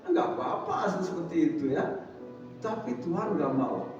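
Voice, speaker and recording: A man's voice: high-pitched, normal speed. Man in his eighties, echoey church hall. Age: 80s. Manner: calm, conversational, quoting prayers and family. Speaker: church member giving testimony. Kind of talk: spoken testimony at a church service. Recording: echoey distant church hall, dull sound, music behind.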